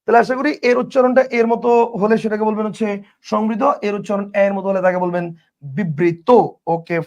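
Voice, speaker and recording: A man teaches grammar in a casual, chatty way. His voice sits high for a man. He keeps repeating his points and tossing rhetorical questions at the listener. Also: steady tone, fast talker, a little mellow, lo-fi sound.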